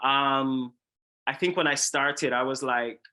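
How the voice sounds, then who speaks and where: A man's voice: mid-range voice, steady tone, slow, bright, forceful tone, clear, resonant tone. A young man from Jamaica, a filmmaker, talking thoughtfully in a casual interview. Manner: thoughtful, with frequent restarts and laughs. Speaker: filmmaker guest.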